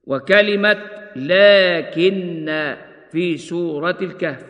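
A man teaching a tajweed lesson, explaining rules in a measured way and slowing down to recite examples. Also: high voice, a bit bright. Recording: long hall reverb.

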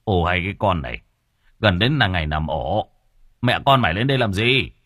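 A gruff older father, read by a male narrator in an audio storybook, barking out blunt scoldings. His low voice swings between highs and lows. It sounds husky and dry, close to the mic. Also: animated, moderate pace, fairly bright tone, dry recording.

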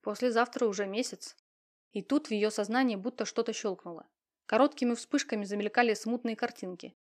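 Woman audiobook narrator, slightly high voice, dramatic read. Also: brisk. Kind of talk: scripted narration.

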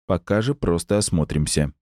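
A man voicing a cautious male squad member who plans the search calmly and deliberately, in an audiobook. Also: low voice, dry recording, studio quality, close to an everyday voice. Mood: calm, reasoning.

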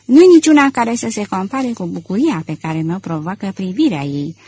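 Brief: earnest, brooding gentleman thief, read by a woman, husky timbre, storybook audiobook. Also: mid-range voice, animated, no echo. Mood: tender, ardent. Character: gentleman thief, man, middle-aged, passionate and anxious.

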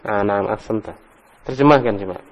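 A man's voice: lowish voice, moderate pace, dull audio. A man teaching an Arabic grammar lesson, patiently correcting students and praising them often. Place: mosque study hall. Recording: long hall reverb.

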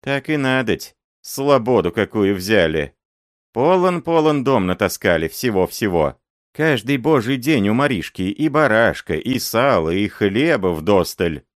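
Guy doing a scolding old nanny, raised pitch, lively, dry close sound. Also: measured pace, no room sound. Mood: gloating. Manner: scolding, gloating chatter. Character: gossiping old peasant nanny woman.

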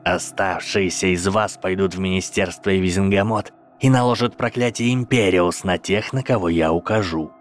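A man reading a menacing dark lord in a very deep, unhurried voice. The tone stays cold and quietly amused, with a faint bed of music underneath. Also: lightly acted. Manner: slow, low and deliberate.

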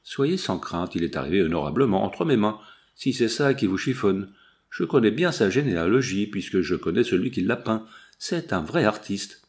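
A man reading the part of a pushy woman furniture dealer, full of brisk sales patter. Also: on the low side, sing-song, darkish tone.

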